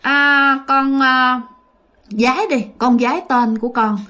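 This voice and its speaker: A woman's voice: high-pitched, steady tone, slow, pushed and bright, exaggerated voice. A woman voicing an older female fortune teller who talks firmly and coaxingly.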